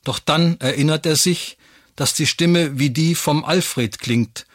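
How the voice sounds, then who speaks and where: A man narrating a written story in a wry, even storytelling manner, recorded close on a studio mic. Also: on the high side, slow, no echo.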